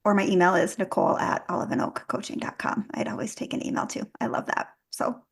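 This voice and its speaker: A young woman with a Minnesotan accent, chatting as a podcast guest, chatty and quick to laugh. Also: mid-range voice, gravelly, slightly rough. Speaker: guest, business coach. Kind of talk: casual interview chat.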